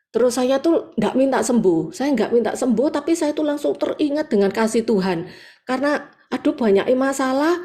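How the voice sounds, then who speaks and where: A woman's voice: a little high, warm tone. A woman with a Javanese accent giving a personal testimony over a video call at a prayer meeting, telling her story vividly with acted quotes and exclamations. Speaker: church member giving testimony.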